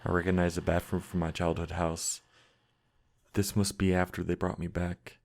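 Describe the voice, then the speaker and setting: A man narrating a scripted horror story with a measured, steady delivery. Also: sits low. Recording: music playing underneath.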